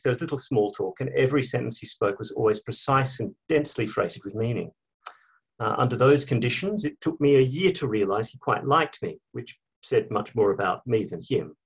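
A man with an Australian accent speaks in a measured, anecdotal way at a tribute panel. His voice is slightly husky and sits at an ordinary middle pitch. He pauses now and then with small fillers as he reads prepared remarks. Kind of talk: prepared speech.

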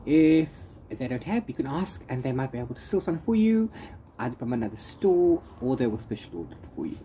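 Very animated and fairly quick, a man with a warm, medium-pitched voice rambles through his book review vlog, trailing off into the same filler phrases again and again. Recorded outdoors under a corrugated-iron shelter open at the sides, the clip has clear background noise and open-air ambience.

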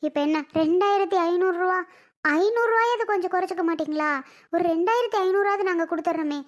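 A woman acting as a poor tenant who begs her landlord to lower the rent, pleading tearfully. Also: fast talker. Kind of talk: village family skit.

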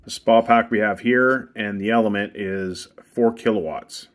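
Brief: man, lowish voice, plain practical hot tub technician walking through a repair outdoors. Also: unhurried. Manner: plain, practical step-by-step instructions. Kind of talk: casual how-to demonstration. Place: outdoors beside a hot tub equipment bay.

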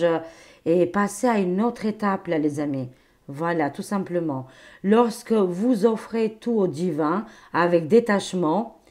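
A woman's voice: mid-range voice, darkish tone. A woman doing a casual spoken tarot reading for her viewers, chatty and exclamatory, calling them her friends. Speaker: tarot card reader.

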